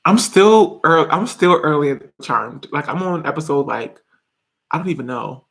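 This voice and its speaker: A YouTuber in his twenties reads live chat on a stream from a small bedroom, answering viewers casually. His voice is a bit high for a man, slightly bright and creaky, with lively intonation at normal speed, and he laughs a lot, restarts sentences and stacks up fillers.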